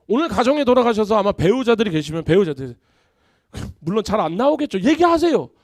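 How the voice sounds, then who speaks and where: A man, a pastor, preaching a sermon in an animated, conversational way in a church. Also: high voice, fast, no room sound, clean studio sound. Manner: animated, conversational preaching with acted-out family quotes. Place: church sanctuary.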